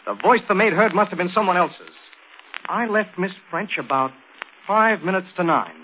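A man's voice: sits high, lively intonation, moderate pace. An actor playing a frantic accused man in his thirties, agitated and pleading, in 1940s radio drama style. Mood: anxious hope. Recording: tinny old radio, faint noise.

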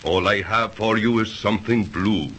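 A man's voice: on the low side, moderate pace, fairly bright tone, slightly rough. A man playing a kindly, solemn, fatherly priest in an old radio drama, speaking ceremoniously.

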